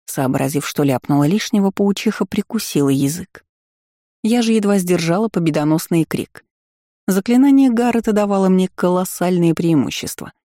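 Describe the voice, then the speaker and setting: A woman reading a first-person fantasy novel aloud in a wry, lively storytelling manner. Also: lowish voice, moderate pace, dry recording, studio quality. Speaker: audiobook narrator.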